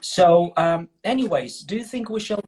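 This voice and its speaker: This English teacher hosts a laid-back livestream chat, his high voice lively in intonation, somewhat dark in tone, and a bit breathy, moving at a moderate pace. He's enthusiastic and talkative, regularly checking on the listener with "okay?" and "you know?".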